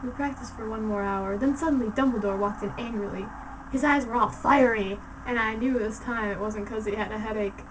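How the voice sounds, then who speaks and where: High-voiced woman, hammy dramatic reader. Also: fairly quick, distant mic. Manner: hammy, theatrical, with mocking asides. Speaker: story reader. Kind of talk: dramatic reading of fan fiction. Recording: off-mic, faint background noise.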